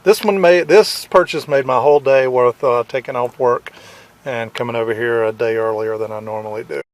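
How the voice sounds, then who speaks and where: A man vlogging on a camera mic as he walks an outdoor fairground flea market, halting and full of fillers, keen about his finds. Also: mid-range voice, steady tone. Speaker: vlogger at a hamfest. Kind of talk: casual walkaround vlog.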